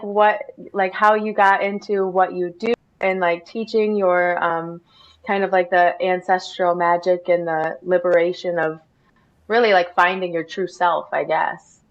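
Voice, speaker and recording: A chatty woman hosting a podcast interview, her voice carried on a dull, slightly lo-fi recording. She talks loosely and warmly engaged, peppering her thoughts with fillers as she riffs on a topic. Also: fairly low pitch, a little slow. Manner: chatty, many fillers like "you know". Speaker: podcast host. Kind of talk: casual interview chat.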